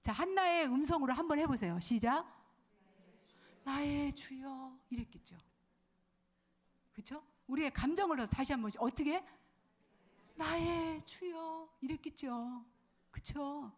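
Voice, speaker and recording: A woman preaching a sermon to a women's worship service, telling stories lively, acting out quotes, asking the audience questions and sometimes dropping to a whisper. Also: high voice, normal speed. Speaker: pastor's wife preaching.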